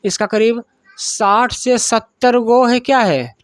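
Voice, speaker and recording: A woman's voice: fairly high pitch, slow pace, dry recording. A woman with a Bihari accent teaching a grammar lesson, asking questions and answering them herself, repeating each point.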